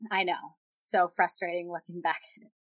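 A woman's voice: on the low side, little pitch movement, moderate pace, no echo. A woman casually telling a personal story, rambling with lots of fillers. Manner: rambling, filler-heavy, many "like"s and "yada yada".

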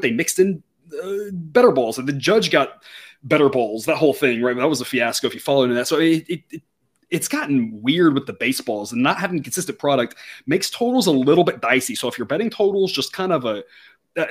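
A man's voice: a little high, husky. A man hosting a sports betting show in a conversational, wordy, explanatory way.

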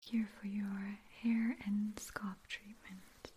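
Slow soft-whispering woman, mellow tone. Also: mid-range voice, little pitch movement, slightly rough. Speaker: ASMR creator playing a hair stylist. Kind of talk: ASMR roleplay.

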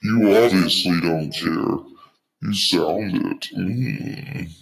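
Disguised deep voice, a smug, menacing taunter, gravelly and crawling. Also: male voice, full character voice. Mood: taunting. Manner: slow, taunting, mock-ominous. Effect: voice electronically pitched down into a disguised deep voice. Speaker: host. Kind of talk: prank comedy bit.

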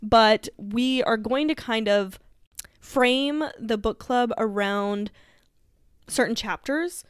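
A woman's voice: fairly high pitch, slow, clear, resonant tone, no echo, clean studio sound. A woman co-hosting a podcast in casual chat, talking with lots of fillers and laughs. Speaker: podcast co-host.

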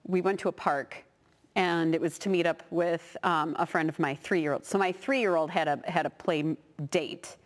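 A woman in her thirties hosting a parenting podcast in casual chat, animated and quick to act out her own frustrated parenting moments. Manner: animated, acts out her own yelling at her kids in high bursts. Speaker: podcast host.

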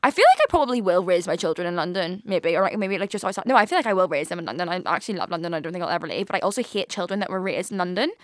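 A podcast host in her twenties rambles through a casual solo show, heavy on fillers and swearing. She has a medium-pitched, fairly bright voice. The studio mic recording has no room sound.

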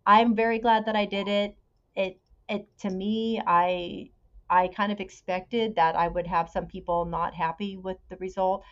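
A woman's voice: medium pitch, fairly even intonation, measured pace, highs cut off. A woman in her fifties, a podcast guest telling a personal story in an earnest, emotional way and searching for her words. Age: 50s.

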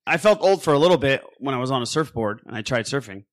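A man's voice: mid-range voice, animated, fast talker, no echo, studio quality. A man hosting a podcast in casual, jokey chat, informally repeating phrases for emphasis. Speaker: podcast host.

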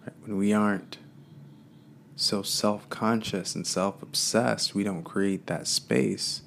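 A man with a low, gravelly voice talks through a spiritual reflection in a loose, rambling way, leaning on fillers. A faint hiss sits under the recording. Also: fairly even intonation, slow, a bit bright. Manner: casual, meandering, with many fillers.

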